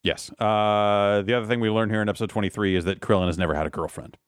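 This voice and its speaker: A man's voice: fairly low pitch, fairly even intonation, fast talker, clean tone, no room sound, studio quality. A man co-hosting a podcast, recapping a cartoon in a casual chat, rambling and swearing with lots of restarts. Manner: rambling, profane, many restarts. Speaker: podcast co-host.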